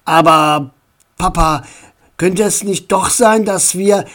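Man doing a shy hesitant teen boy, kinda slow. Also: high-pitched, a bit bright. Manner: tentative, hesitant. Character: hesitant teenage son. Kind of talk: storybook reading.

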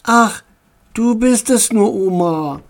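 A man's voice: sits high, takes it slowly, vocal fry, pitched above the performer's own voice, full character voice. A man voicing a curious little boy in a storybook reading, plaintive in manner.

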